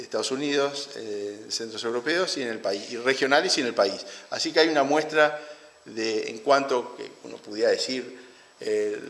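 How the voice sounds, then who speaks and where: A male lecturer with a Uruguayan Spanish accent explains his material at a middle pitch, often stopping to restart phrases. His voice carries through a large room and rings with a long reverb. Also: fairly bright tone. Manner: halting, with frequent restarts and fillers. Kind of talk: academic lecture. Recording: roomy hall with long reverb.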